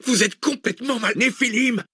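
A man's voice: lowish voice, steady tone, racing, fairly bright tone, no room sound, clean studio sound, natural voice. A man voicing a tense young man driving a getaway car, calling out clipped, urgent lines in a thriller audiobook. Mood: panicked.

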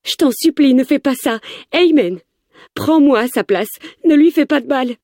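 A woman's voice: high-pitched, expressive, normal speed, mellow, no echo, clean studio sound, pitched above the performer's own voice. Woman doing a frantic heroine in a storybook reading, voice jumps way up and pleads. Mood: pleading.

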